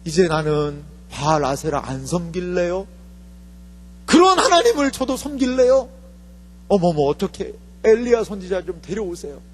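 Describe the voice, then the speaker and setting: A man's voice: high voice, sing-song, normal speed. A man putting on a fickle scheming queen. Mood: gushing. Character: vain, fickle queen who turns to threats. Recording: reverberant hall with faint hum.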